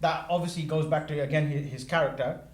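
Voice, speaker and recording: A man's voice: on the high side, steady tone, fast. A man teaching a class, explaining terms step by step and checking in with students by asking "yeah?". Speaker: religious teacher. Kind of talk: classroom lecture.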